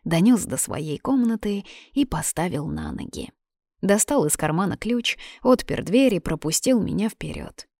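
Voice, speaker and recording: A woman reading a first-person story as audiobook narration in an even, story-telling way. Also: lowish voice, unhurried, no echo, clean studio sound.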